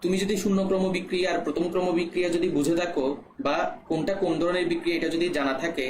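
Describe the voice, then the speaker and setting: Echoey male chemistry tutor. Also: a little high. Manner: explains step by step, checks students' comments, frequent "ঠিক আছে?". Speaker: chemistry teacher. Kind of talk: live online class lecture. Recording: echoey room with faint background noise.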